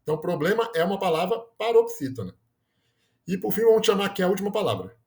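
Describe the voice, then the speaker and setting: High, sing-song and fast, this man's voice carries a grammar lesson full of explanation. He leans on "né?" tags and fixes his words as he says them.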